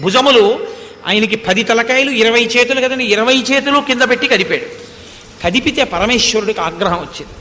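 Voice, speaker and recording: A man giving a devotional sermon as animated storytelling, reciting old verses between retellings. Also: very high-pitched, long reverb tail. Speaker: religious discourse speaker.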